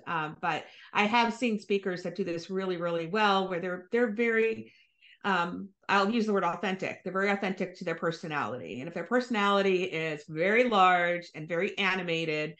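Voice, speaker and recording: A woman guest on a podcast interview, explaining her points in a thoughtful, measured way. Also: medium pitch, fairly bright tone. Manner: thoughtful, explanatory, occasional fillers. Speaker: marketing executive guest. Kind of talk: conversational interview.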